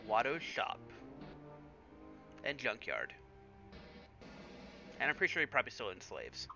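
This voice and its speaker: A man gives casual let's play commentary in a chatty, rambling way, full of little fillers. His voice is very bright and a touch high, and it moves up and down a lot. The recording is slightly dull, with a faint hum in the background. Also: huge pitch swings, a little slow, vocal fry, faint music behind.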